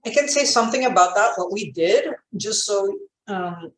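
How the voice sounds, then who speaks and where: A woman's voice: mid-range voice, animated, moderate pace. A woman with an Aruban accent explaining informally in an online session, mixing Dutch terms into her English. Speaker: panel speaker from Aruba. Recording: echoey room with faint noise.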